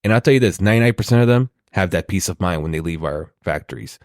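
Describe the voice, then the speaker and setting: Deep-voiced earnest man on a sales team. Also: animated, quick pace, darkish tone, no room sound, clean studio sound. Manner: earnest, proud, emphatic. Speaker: inside sales team member. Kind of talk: casual chat.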